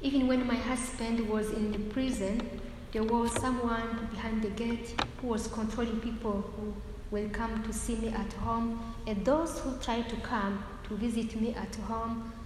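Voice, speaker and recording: A woman with a fairly high voice speaks slowly and deliberately, pausing to find her words as she gives her testimony. Her voice rings out through a large, echoey hall with a long tail of reverb. Noise hums steadily underneath. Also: fairly even intonation. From Central Africa, grew up in Congo. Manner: slow, measured, searching for words. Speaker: speaker giving a personal testimony. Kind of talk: spoken testimony to an audience.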